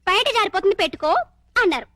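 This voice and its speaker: A woman's voice: very high-pitched, expressive, fairly bright tone, dry recording, clean studio sound. An actress playing a sassy young woman who teases as she tells a cheeky story. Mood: teasing. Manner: teasing, drawn-out telling.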